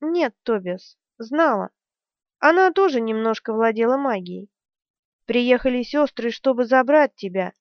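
A woman's voice: a little high, expressive, measured pace, dry recording. A woman voicing a crazed, whimpering sorceress who pleads in broken grammar, in an audiobook reading. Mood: pleading. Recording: dry, dull lo-fi recording.

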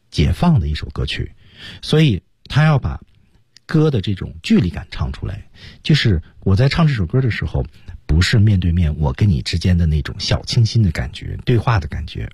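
Male radio singing teacher, Mandarin accent, deep and husky, animated delivery, dry studio sound. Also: dry recording. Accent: Mandarin Chinese. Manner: explains stress and phrasing, sings demonstrations. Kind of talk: bilingual song lesson.

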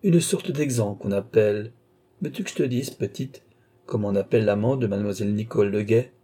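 A man's voice: fairly low pitch, fairly quick, warm tone, husky. A man voicing an old duke and marshal in an audiobook, sly and teasing, with a lightly threatening, knowing tone. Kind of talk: audiobook reading.

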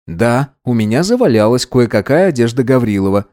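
A man narrating a fantasy audiobook in the first person, even and measured. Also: mid-range voice.

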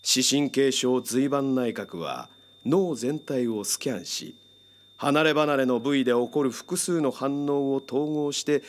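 In a radio drama, an actor portrays a controlling male psychiatrist, speaking in a measured, formal way that coaxes hypnotically. His voice is mid-range and natural.

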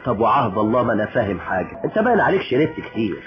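A man plays a nosy, wisecracking friend with an Egyptian accent, his voice leaping up and down as he teases and laughs. He talks fast, in an old radio drama with a dull lo-fi sound and music behind him. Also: medium pitch, close to an everyday voice. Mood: teasing. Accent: Egyptian Arabic. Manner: teasing, laughing, animated. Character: joking nosy male friend, teasing and lively.

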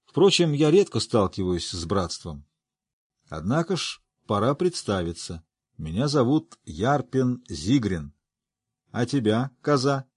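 Man doing a raised, husky, rough-talking old dwarf, jovial, dry storybook reading. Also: medium pitch, sing-song, unhurried, no room sound. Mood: gruff jovial. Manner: folksy rough speech, teasing. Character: gruff boisterous male dwarf, older, laughs often.

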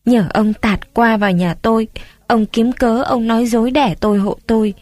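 A woman's voice: fairly high pitch, steady tone, moderate pace, a little mellow, dry recording, lightly acted. Woman putting on an anxious young village mother. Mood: tearful pleading. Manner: pleading, fretful questions.

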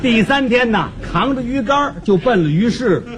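A man telling a crosstalk story in a lively, chuckling way. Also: very high voice, normal speed, a crowd in the background. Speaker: crosstalk comedian, lead teller.

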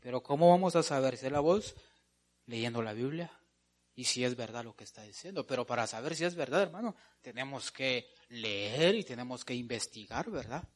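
A man preaching a sermon to his congregation, asking them questions and repeating words for stress, going from soft to loud. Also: mid-range voice, animated, normal speed. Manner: calls the listeners "hermano" and asks them questions.

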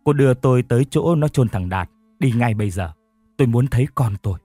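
A man's voice: medium pitch, animated, brisk, mellow, no echo, faint music behind, natural voice. A man voicing a grieving old mother who speaks in an anguished, accusing way. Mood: bitter.

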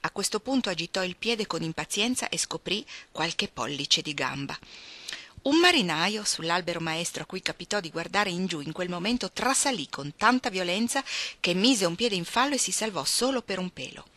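Bright-voiced woman reading a novel. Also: lowish voice, no echo. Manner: measured, expressive literary reading. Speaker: reader.

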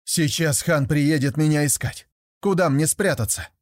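A man voicing a bold, crafty young herdsman who boasts loudly. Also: a little high, moderate pace, no room sound, clean studio sound, voice pushed up, close to an everyday voice. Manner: loud, boastful exclamations.

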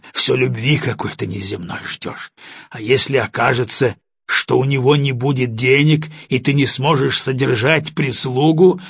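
A man's voice: mid-range voice, vocal fry, slightly rough, no room sound, lo-fi sound, heavily acted. A man reading an audiobook, voicing a stern, sarcastic middle-aged father who speaks coldly and accusingly. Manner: cold, accusing.

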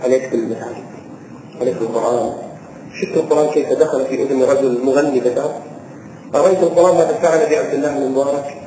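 A man preaching a sermon, telling a story with emotion, moving between hushed and impassioned passages and slowly chanting verses. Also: medium pitch, steady tone. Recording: echoey hall recording, faint noise.

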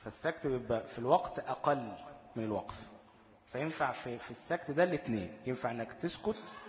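A man with an Egyptian accent teaching Quran recitation rules. He quizzes his students, answers his own questions, and slows down to chant the quoted verses and poem. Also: mid-range voice, expressive. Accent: Egyptian Arabic. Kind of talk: tajweed lesson. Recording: echoey room with long reverb.

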